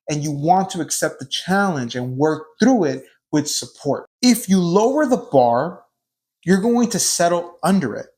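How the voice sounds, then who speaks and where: A man's voice: fairly high pitch, a little mellow. A man in his thirties hosting a solo motivational podcast, earnest and repetitive, firing off rhetorical questions to his listeners. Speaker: podcast host.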